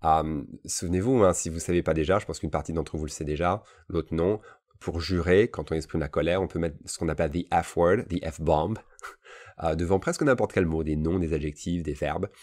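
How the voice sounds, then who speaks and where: Very low-voiced man teaching English phrases. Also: darkish tone. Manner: explains in French, models English phrases slowly and repeats them; casual asides with frequent "d'accord?" checks. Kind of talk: bilingual language lesson.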